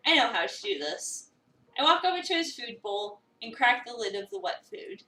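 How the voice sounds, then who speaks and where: A woman's voice: on the high side, very animated, normal speed, bright, forceful tone, far from the mic. A woman streamer expressively reading a visual novel aloud, acting out lines and chatting casually in between. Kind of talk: dramatic reading of a game script with casual chat asides. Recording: roomy echo, away from the mic.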